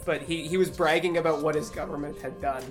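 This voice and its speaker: A woman co-hosting an improv comedy podcast, telling stories in a relaxed, giggly way. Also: sits low, fast talker, faint music behind. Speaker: podcast co-host.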